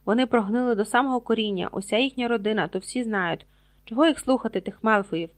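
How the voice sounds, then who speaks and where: A huge, gruff but kindly giant of a man speaks bluntly in a folksy way, as a woman reading a storybook puts him on. His tone is homely and plain-spoken. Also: on the high side, fast, natural voice.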